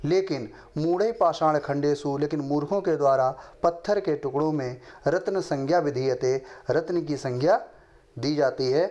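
A middle-aged man teaching a lesson, reciting verses slowly in a chant and then explaining them quickly. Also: fairly high pitch, a little mellow, lo-fi sound. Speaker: Sanskrit teacher.

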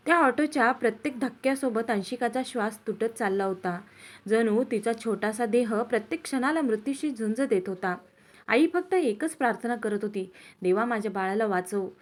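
A woman storyteller reading a sad story aloud in a slow, dramatic, emotional way. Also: a little high. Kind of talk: scripted story narration.

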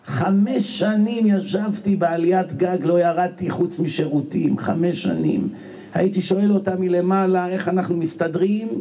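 A man's voice: sits high, fairly even intonation, dark tone. A man voicing an earnest, unworldly elderly male scholar who has never handled money.

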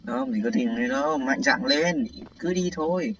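A man giving excited, panicky commentary on a game livestream, often repeating words when startled. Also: medium pitch, normal speed, recorded from a distance, slight background noise. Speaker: gaming livestreamer. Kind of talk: live gameplay commentary. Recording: dull lo-fi sound with faint game music.

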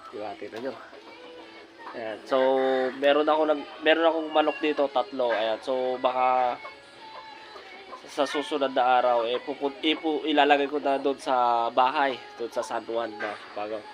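A man talks casually to his viewers in a yard, stuffy from a cold and filling his sentences with the same little words again and again. His voice sits at an ordinary middle pitch. It is recorded on a phone outdoors with music playing underneath. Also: moderate pace, dull audio. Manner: chatty, repeats filler words often, addresses viewers directly. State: has a cold. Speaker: vlogger showing his bird cage. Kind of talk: casual vlog walkthrough. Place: outdoors in a yard beside a large bird cage.

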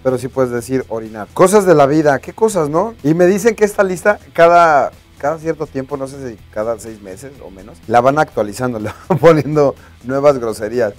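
A man's voice: medium pitch, brisk, few pauses, soft background music. Slangy Mexican man telling anecdotes. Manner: joking, slangy, animated. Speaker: YouTuber host. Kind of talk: casual anecdote vlog.

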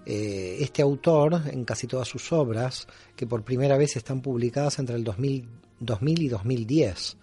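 A man explains things patiently as a radio guest, formal in manner and full of small fillers. His voice is mellow and dark. His pitch sits in the middle. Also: normal speed, slightly rough, soft background music. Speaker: guest scholar. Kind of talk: explanatory interview answers.

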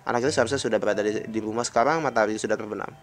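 A man's voice: very fast, faint music behind. A man reading a visual novel's dialogue aloud in his own voice, with casual remarks of his own in between. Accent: Indonesian. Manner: reads all characters in his own voice, jumps to high pitch for excited lines.

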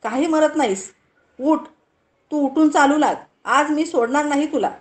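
A woman voicing a stern mother who scolds sharply and later softens. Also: sits high, measured pace. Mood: angry scolding.

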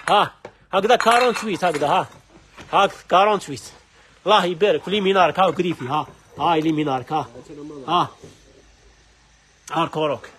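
A man with an Algerian Arabic accent runs a live sales stream from a household goods shop, rapidly and repeatedly urging viewers to look at the wares. His voice sits high, and there's background noise.

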